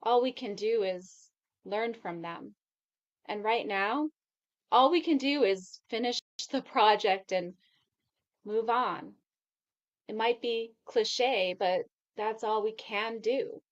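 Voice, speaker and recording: A woman playing a slow, resigned lover on dull audio. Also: a little high. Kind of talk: stage play performed over video call.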